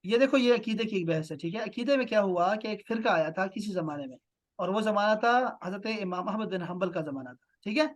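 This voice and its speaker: A man's voice: high-pitched, animated. Male teacher questioning his class. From Pakistan. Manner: questioning, repeats "theek hai" and "na". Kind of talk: online class lecture.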